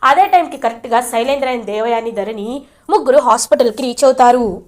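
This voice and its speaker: High-voiced woman recapping a serial. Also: brisk. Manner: chatty, animated retelling with quoted lines. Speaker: serial episode recap narrator. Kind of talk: casual storytelling recap.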